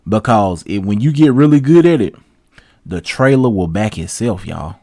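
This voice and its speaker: A young man, a truck driver giving relaxed, chatty career advice to viewers. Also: lowish voice, normal speed, dry recording, clean studio sound. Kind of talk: casual advice vlog with read-out tips.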